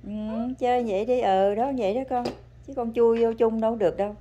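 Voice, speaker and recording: A woman chatting at home with her toddler as a mother, coaxing and praising in a patient, gentle way. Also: on the high side, fairly even intonation, fairly quick, muffled recording, slight background noise. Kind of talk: casual family chat to a small child. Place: home, indoors.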